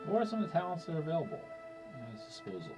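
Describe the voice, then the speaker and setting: A man chatting as a player, halting and searching for words, with dull, distant sound. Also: fairly high pitch, huge pitch swings, music in the background. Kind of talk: casual chat.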